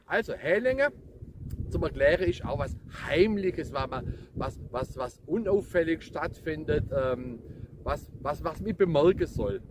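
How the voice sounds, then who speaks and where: A man with a Swabian accent speaks in a fairly high voice. He explains dialect casually, in colloquial words aimed straight at the listener. Clear noise runs behind his voice. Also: expressive, unhurried. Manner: colloquial, dialect-laden, addresses listeners directly. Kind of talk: casual explanatory talk to viewers.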